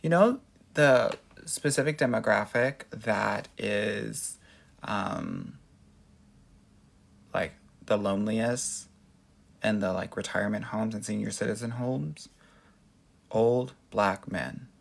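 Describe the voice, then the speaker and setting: Taking his time with long pauses, this American man speaks in a lowish, creaky voice. He's a Los Angeles dating coach hosting a relaxed livestream, replying to viewers in a sassy, gushing, girly best-friend way.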